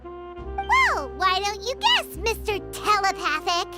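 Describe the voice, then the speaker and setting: Squeaky, very high childlike fairy companion. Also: female voice, huge pitch swings, slow pace, full character voice. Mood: teasing. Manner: wide-eyed, exclaiming. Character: tiny excitable childlike fairy companion, curious and naive. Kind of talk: video game voice acting. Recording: music behind the voice.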